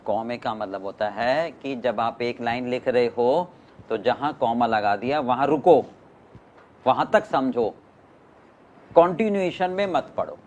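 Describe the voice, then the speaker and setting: A man's voice: mid-range voice, a little slow, a little mellow, dull audio, slight background noise. A man teaching a class, mixing Hindi and English, often stopping to question his students. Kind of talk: classroom lecture.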